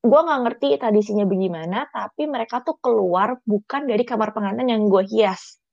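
A woman, a florist chatting casually as an interview guest, telling a story in a lively way. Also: fairly high pitch, fairly quick, gravelly, dry recording. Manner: chatty storyteller, acts out quotes. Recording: dull, dry lo-fi recording.

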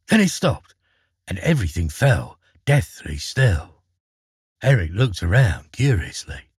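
Husky, very lively male storyteller. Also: mid-range voice, no echo, clean studio sound. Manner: expressive, dramatic storytelling. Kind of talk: fairy-tale narration.

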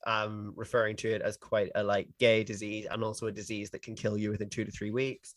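A man's voice: fairly low pitch, flat delivery, brisk, no room sound. A young Irish man co-hosting a podcast, rambling casually with lots of fillers. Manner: laughing, rambling with many fillers. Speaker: podcast co-host reading the news. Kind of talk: casual chat.

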